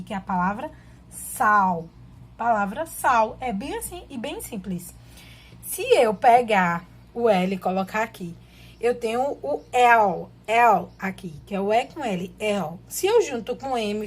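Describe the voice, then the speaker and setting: Slow patient teacher woman. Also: on the high side, slightly rough. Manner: slow, patient, spells out syllables one by one. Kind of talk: children's literacy lesson.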